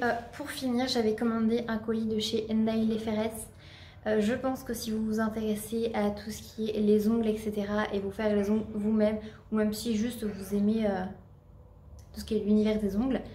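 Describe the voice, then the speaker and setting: A woman's voice: fairly high pitch, mellow, reverberant, slight background noise. A woman with a Normandy French accent chatting casually at home in a vlog, with many fillers and restarts. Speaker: vlogger.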